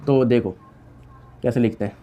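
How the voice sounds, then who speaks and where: A man's voice: mid-range voice, steady tone, moderate pace, phone-quality sound, a little hiss or hum. A young man teaching a chemistry lesson in a casual style, repeating key terms and asking and answering his own questions. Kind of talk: online lecture.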